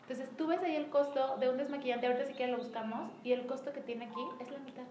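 A Mexican woman leading a sales team meeting in casual motivational talk, acting out quoted dialogue with lively shifts. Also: high voice, quick pace. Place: room with a small group present. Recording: echoey room, faint background noise.

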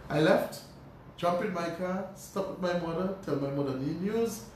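Man, higher-pitched, storytelling radio guest, very echoey room, heard from off-mic. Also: moderate pace, distant mic, a little hiss or hum. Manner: animated storyteller, frequent restarts and repeated words. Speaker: guest, pharmacist. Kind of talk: personal storytelling in a radio interview.

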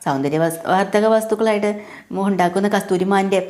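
A woman's voice: medium pitch, a little fast, a little mellow, natural voice. A woman voicing a vain, teasing old man who likes to boast.

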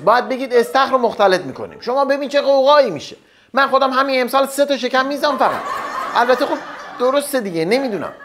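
A man hosting a comedy show, delivering a stand-up monologue and teasing the audience with jokes. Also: very high-pitched. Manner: teasing, joking banter with the audience.

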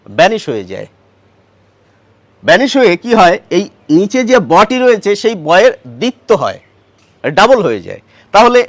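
High, lively male pronunciation teacher. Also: dry recording. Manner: patient, asks and answers his own questions. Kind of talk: explanatory grammar lesson.

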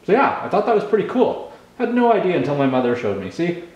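A man's voice: high-pitched, very animated, quick pace, a little mellow, muffled recording. A man in his forties from Canada, casually showing his tools on camera, rambling with lots of ums while chewing gum. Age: 40s. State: chewing gum, slightly mumbled. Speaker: channel host. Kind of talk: casual tool demo vlog. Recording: very echoey room.

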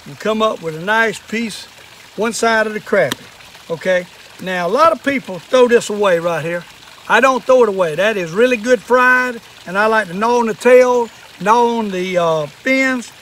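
A man's voice: sits high, moderate pace, fairly bright tone, a little hiss or hum. An older man with a Southern US accent talks like a plainspoken old fisherman, giving a casual hands-on demonstration outdoors. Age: older, 60s or above. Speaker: fishing and fish-cleaning demonstrator. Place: outdoors in a wooded yard at a table.

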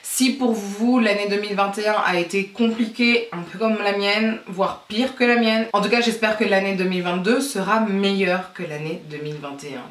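Thirtysomething woman rambling on about her stuff, kinda self-mocking, bit far from the mic, echoey room. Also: medium pitch. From France. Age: 30s. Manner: chatty, rambling, self-mocking, with small laughs. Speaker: beauty vlogger. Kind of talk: casual talk to camera. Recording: roomy echo, a bit off the mic.

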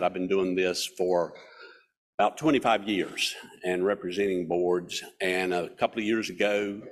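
A man in his sixties with a Southern mountain Appalachian accent, giving a folksy, self-deprecating, informal club speech in a husky voice. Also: low-pitched. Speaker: guest speaker. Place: hall stage at a podium. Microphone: podium microphone.

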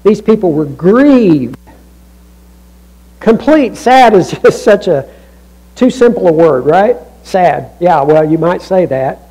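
A man preaching a sermon as a pastor in a church, talking in a conversational way with restarts and asides, swinging from raised emphasis down to near-hushed lows. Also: big pitch swings, slow pace, pauses often, rough recording.

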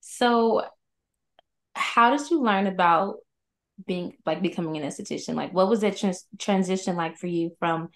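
A woman's voice: fairly low pitch, moderate pace, fairly bright tone. A young woman hosting a podcast over a video call on headphones, upbeat and chatty, often saying "like". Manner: upbeat, chatty, uses "like" a lot. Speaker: podcast host. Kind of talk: casual interview chat. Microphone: over-ear headphones, video call.

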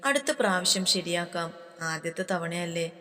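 A woman reading a young husband's lines in a romance story, speaking low and earnestly. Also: expressive, moderate pace, bright, forceful tone, faint music behind. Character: tender, remorseful young husband. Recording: long hall reverb.

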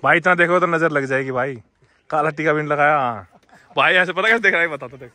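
Excitable high-voiced man vlogging outdoors. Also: quick pace. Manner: excitable, joking, calls out to strangers. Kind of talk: casual vlog chat with passersby. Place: outdoors at a hilltop fort.

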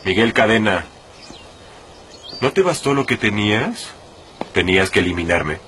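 An actor playing a cold, vengeful gangster, controlled and menacing, in a film drama. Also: male voice, lowish voice, lively intonation, a little slow, bright, forceful tone, a little hiss or hum. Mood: cold menace. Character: cold, vengeful male gangster threatening a rival.

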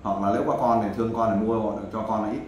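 A man's voice: lowish voice, fairly even intonation, quick pace, a little mellow. A man giving blunt, lecturing advice and cutting in often. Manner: blunt, lecturing, talks over the other man. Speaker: volunteer advisor helping a man find his wife. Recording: echoey room with faint background noise.

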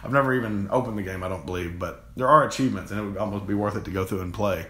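Racing along in a lowish, pushed, bright voice, a young co-host of a gaming channel chats casually and enthusiastically, repeating words and rambling. The setting is an echoey home room with a shelf of games behind him.

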